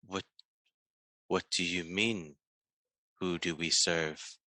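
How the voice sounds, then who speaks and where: A man voicing a subterranean insect swarm that speaks as "we", in a halting, hesitant way. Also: low voice, fairly even intonation, sharp tone, no room sound, heavily acted, low-quality recording. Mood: confused.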